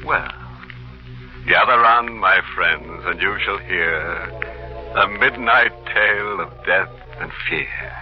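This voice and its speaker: An actor playing a sinister, punning horror host of an old radio mystery show, in 1940s radio acting. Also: male voice, deep voice, takes it slowly. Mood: gloating. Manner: macabre puns with chuckles. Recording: dull old radio recording with music.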